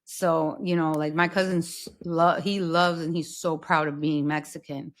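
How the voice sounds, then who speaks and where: A woman in her thirties from South Florida, chatting casually as a podcast guest, animated and dropping in Spanish phrases. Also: low-pitched, normal speed. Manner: animated, mixes Spanish phrases, many fillers. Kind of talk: casual interview chat.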